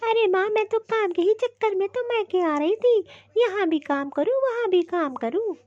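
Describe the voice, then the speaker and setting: A very high, squeaky cartoon sister-in-law who whines and tattles, played by a woman. She sounds sly and spoiled. The sound is dry, dull and lo-fi. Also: expressive, moderate pace, darkish tone, no room sound. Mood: annoyed. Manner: complaining, tattling. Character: scheming young married sister-in-law, whiny and sly. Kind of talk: cartoon voice acting.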